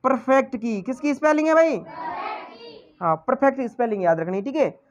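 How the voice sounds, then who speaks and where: A man's voice: very high-pitched, big pitch swings, normal speed, slight background noise. A male teacher giving a lesson, quizzing the class with repeated questions and then answering them himself. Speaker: English teacher.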